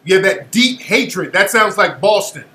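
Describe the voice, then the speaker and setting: A man hosting a show, reacting to a played clip with animated, incredulous commentary. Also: high-pitched, unhurried, reverberant. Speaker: show host.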